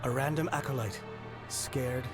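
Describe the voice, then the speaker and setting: A man's voice: medium pitch, steady tone, a little slow, close to an everyday voice. An actor playing a brooding revolutionary judge, narrating his thoughts solemnly in a video game cutscene. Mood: brooding, ominous. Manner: solemn, portentous. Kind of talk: dramatic scripted narration. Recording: loud cutscene music over voice. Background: loud game music.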